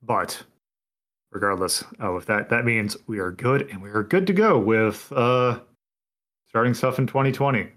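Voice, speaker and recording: A man hosting a casual podcast, talking in a relaxed, rambling way with plenty of fillers. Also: medium pitch, a little slow. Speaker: podcast host. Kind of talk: casual chat.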